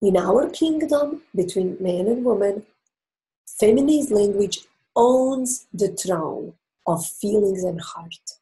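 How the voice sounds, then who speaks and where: A Croatian woman, speaking with her native accent in a mid-range, expressive and warm voice, offers relationship advice as a guest in an interview. She is earnest and explanatory, leaning on emphatic pauses, and the recording is rough.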